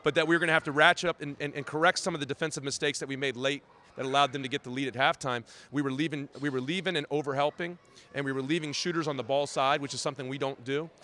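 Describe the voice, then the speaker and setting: Man, basketball coach, rapid analytical talk, bright forceful tone, outdoors. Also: a little high, fairly even intonation. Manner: rapid, analytical, sprinkled with "you know". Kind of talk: postgame interview answers.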